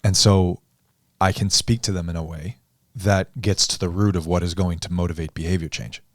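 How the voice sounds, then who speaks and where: A man and coach on a podcast conversation, explaining ideas in a measured, thoughtful way. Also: deep voice, fairly even intonation, no room sound, studio quality. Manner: measured, thoughtful, deliberate phrasing.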